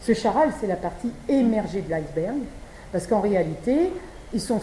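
A woman's voice: medium pitch, animated, moderate pace, dark tone. A woman from Brittany giving a conversational talk at a conference, with frequent fillers and restarts. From Brittany, France. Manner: chatty, many fillers and restarts. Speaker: speaker at a vegan event. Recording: echoey room, faint background noise.

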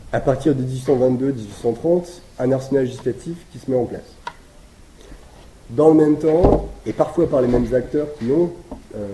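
Man giving an echoey academic talk. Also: mid-range voice. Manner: explanatory, thinks aloud with frequent pauses. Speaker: lecturer presenting historical research. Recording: echoey room with background noise.

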